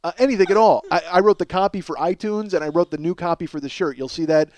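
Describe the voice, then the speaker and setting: High-pitched and a little mellow, the voice moves at a quick pace. It belongs to a forty-something comedy podcaster who rambles through casual stories in an emphatic, profane, self-mocking comic monologue.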